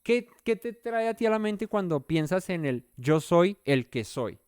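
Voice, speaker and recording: A man's voice: high voice, expressive, measured pace, darkish tone, smooth, no echo, studio quality. A man leading an interactive Bible study, talking in a conversational way and often asking the listeners questions. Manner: conversational, thinks aloud.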